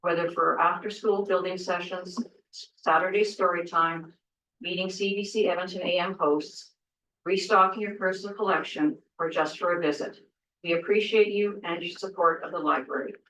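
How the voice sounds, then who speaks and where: A woman's voice: lowish voice, steady tone, moderate pace, a bit bright. A woman delivering a prepared, formal presentation to a council. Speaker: library delegate presenter. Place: indoor council chamber. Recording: echoey, distant mic with faint noise.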